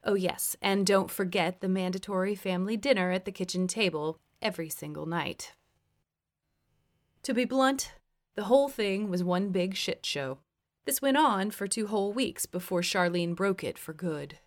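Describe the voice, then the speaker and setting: A woman's voice: medium pitch, normal speed. Woman narrating a wry memoir. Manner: wry, blunt storytelling.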